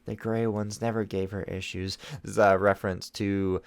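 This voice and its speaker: Sex: man. Role: channel host. Style: fan fiction reading with dry jokes. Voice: low, gravelly. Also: flat delivery, moderate pace. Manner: dry joking asides.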